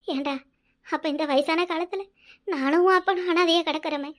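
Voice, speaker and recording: A woman's voice: extremely high pitch, normal speed. A woman voicing an aging village mother with a southern Tamil village dialect, reproachful and pleading with her son in a cartoon. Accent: southern Tamil Nadu village dialect. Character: aging village mother, grief-stricken and scheming. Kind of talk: cartoon voice acting.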